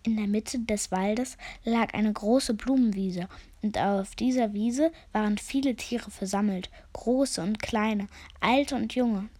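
A woman's voice: a little high, no echo. A woman reading a children's story aloud, narrating expressively between the animal voices. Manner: expressive, lively voicing of each animal.

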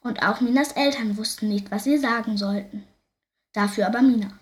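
A woman with a fairly high voice reads a children's story aloud, lively and expressive. She narrates at an even storyteller's pace. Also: moderate pace.

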